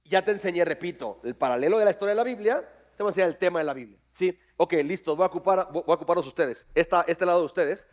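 A man preaching a sermon to his congregation, lively and jokey, quizzing people on verses. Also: sits high, fast. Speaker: pastor. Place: church hall with congregation.

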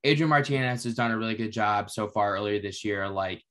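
Young male host, easygoing storyteller, fairly low voice. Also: fairly quick. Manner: relaxed storytelling, casual swearing. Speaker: podcast host. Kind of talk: casual podcast chat.

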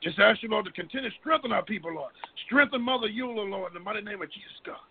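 With a high-pitched, creaky voice and a quick pace, a middle-aged man leads a group in fervent, improvised prayer, pleading and repeatedly calling on God. The tinny, phone-line-like recording carries slight background noise.

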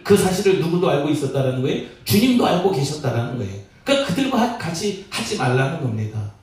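A male pastor preaching a sermon, asking the congregation questions as he goes, recorded in a church sanctuary. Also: sits high. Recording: very echoey church hall from a distance.

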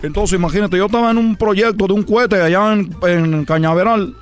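A man voicing an excitable, boastful male baseball player, telling rambling tall tales in a comic radio sketch and shouting his catchphrases. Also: a little fast, faint music behind, lightly acted. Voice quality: high, squealing delivery. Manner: rambling, shouting catchphrases, laughing at own jokes. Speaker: recurring comedy character on a radio show.

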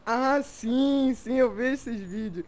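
A young adult with a Brazilian Portuguese accent chatting casually in slang, telling stories in an animated way and acting out quotes. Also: medium pitch, slow, rough recording. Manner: animated storyteller, acts out quotes.

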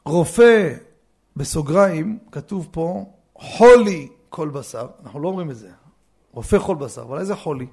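Rabbi, male, lively storyteller with asides; gravelly, husky tone. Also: a little high. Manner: lively storyteller, joking asides, swings from hushed to loud. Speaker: rabbi teaching a lesson. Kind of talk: Torah lesson with anecdotes.

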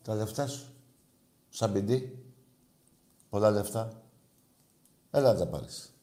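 A man's voice: on the low side, lively intonation, dark tone, reverberant. A man hosting a radio call-in show, teasing and mocking his callers in crude, casual banter.

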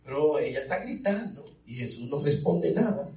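Male preacher, sermon, high animated voice, echoey church, far from mic. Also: moderate pace. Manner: animated, calls on the congregation.

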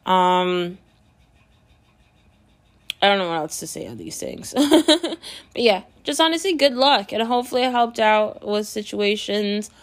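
A woman talking casually to her viewers in a relaxed vlog. She tells gossipy stories with plenty of fillers and acts out the voices of the friends involved. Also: mid-range voice, a little slow, long pauses. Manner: chatty, gossipy storytelling with lots of fillers. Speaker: vlogger.

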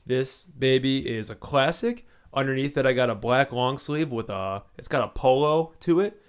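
A man's voice: mid-range voice, moderate pace, smooth. A man in his thirties co-hosting a casual podcast, joking around and swearing freely. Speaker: podcast co-host.

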